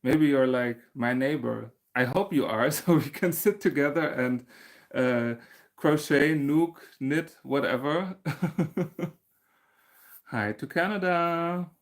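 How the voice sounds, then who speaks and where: This crochet channel host from Germany takes it slowly as he reads viewer comments on a relaxed livestream, laughing frequently and starting sentences over. His voice is fairly high.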